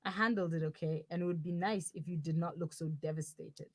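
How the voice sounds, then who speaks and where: Brief: woman voicing a sarcastic young girlfriend in the wrong body, comic audio drama, lowish voice, dead dry sound. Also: steady tone, a little fast, no echo. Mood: accusing. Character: blunt young woman stuck in her boyfriend's body.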